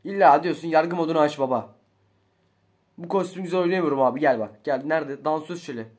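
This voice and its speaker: A young man chats over his gameplay in a fairly high voice. He mutters low while he concentrates, then bursts out loud when things go wrong. His talk is slangy and full of swearing. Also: brisk. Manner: excitable, swings between muttering and shouting. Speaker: gaming YouTuber. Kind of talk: casual gameplay commentary.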